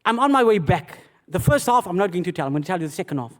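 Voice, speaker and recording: A man, a pastor, telling a personal testimony in a sermon, animated and self-mocking, calling his listeners beloved. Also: sits high, rapid-fire.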